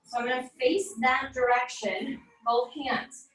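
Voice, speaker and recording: A high-voiced young woman leads a barre class, counting reps at an unhurried pace and cheering her students on. She is heard from a distance, and her voice rings around a large, very echoey room. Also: level tone. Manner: encouraging, upbeat, counts down reps. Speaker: barre fitness instructor. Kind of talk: guided workout instruction with counting.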